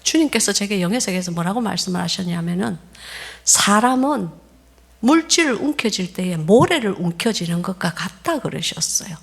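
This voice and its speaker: A woman pastor preaching a sermon, telling stories in an animated way and acting out the voices of the people in them. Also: mid-range voice, creaky. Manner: animated storytelling, laughs often, acts out quoted voices.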